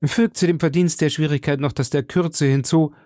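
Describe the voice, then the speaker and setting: A man reading an audiobook voices an eager, quick-witted young musketeer with a brisk, teasing, exclaiming manner. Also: on the high side, steady tone, dark tone, no room sound, clean studio sound, voice pushed up, natural voice.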